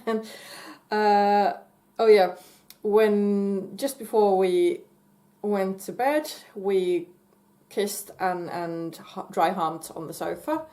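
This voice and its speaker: A woman casually telling a personal story in a halting way, full of fillers and restarts and breaking into giggles. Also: mid-range voice, dark tone. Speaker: vlogger.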